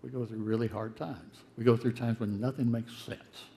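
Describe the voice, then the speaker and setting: A man's voice: mid-range voice, steady tone, normal speed, gravelly. Older man preaching, earnest and conversational. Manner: conversational, earnest, swells to loud emphatic peaks. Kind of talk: sermon.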